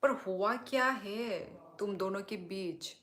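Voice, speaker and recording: A woman's voice: medium pitch, slow pace, a bit bright. A young woman from Tripura hosting a casual live stream, reading and answering viewers' comments in a chatty way. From Tripura, India. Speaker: livestream host reading comments.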